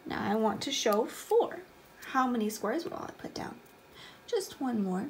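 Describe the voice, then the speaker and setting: Young lady teacher talking to little kids like a kids show host, slow n simple, kinda high voice. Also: sing-song. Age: 20s. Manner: addresses children in simple, encouraging questions, like a kids show host. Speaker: elementary math teacher. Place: small room at home, indoors. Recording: clear background noise, room ambience.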